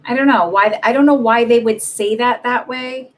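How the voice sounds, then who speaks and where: A woman's voice: fairly high pitch, moderate pace, rough recording. Chatty woman giving a live psychic reading. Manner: chatty, meandering, many fillers. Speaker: psychic reader. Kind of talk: live-stream reading, casual chat.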